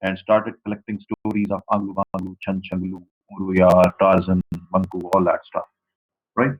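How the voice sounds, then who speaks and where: With a low voice and completely flat delivery at normal speed, a Pakistani university lecturer who is a native Saraiki speaker teaches an online class in a Pakistani accent. He talks straight to the students, explaining and repeating points, and the audio is dull.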